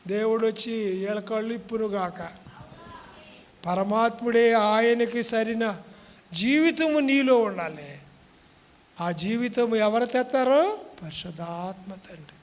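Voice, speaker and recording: High-voiced preacher in a hall. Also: male voice, measured pace, long pauses. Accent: Telugu. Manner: preaching with rhetorical questions to the congregation. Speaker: pastor. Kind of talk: Telugu sermon. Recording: reverberant hall, faint noise.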